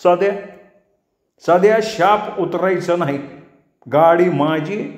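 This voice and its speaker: Guy doing a loud stubborn old villager with a bullock cart, roomy echo. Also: sits high, slow pace, pitched above the performer's own voice. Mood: defiant. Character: stubborn older village cart owner, gruff. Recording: echoey room.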